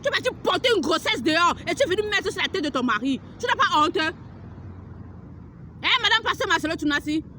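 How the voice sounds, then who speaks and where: Very high-voiced, fervent preaching woman. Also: lively intonation, brisk, pushed and bright, slight background noise. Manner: fervent and scolding, repeating phrases and firing rhetorical questions. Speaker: preacher delivering a prophetic message. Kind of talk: impassioned outdoor preaching to camera. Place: outdoors at a beach.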